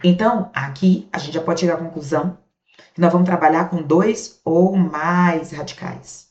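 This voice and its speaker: Her voice sits on the low side and is slightly mellow, moving at a moderate pace with a Brazilian Portuguese accent. She lectures on grammar, raising and answering her own questions and checking in casually with the class, and the sound is roomy, dull, and lo-fi.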